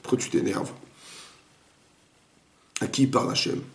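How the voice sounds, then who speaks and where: A man, a rabbi, giving a lively interactive Torah class, quizzing his students and acting out the dialogue. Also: moderate pace. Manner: animated, questions the students, acts out dialogue. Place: echoey room with students. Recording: roomy echoey room recording.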